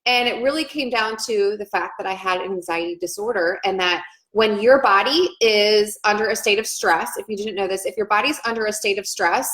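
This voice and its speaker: A nurse in her thirties shares her own story earnestly and emotionally in a personal testimony vlog, repeating phrases as she goes. Her medium-pitched, fairly bright voice moves a little fast with few pauses, in an echoey room.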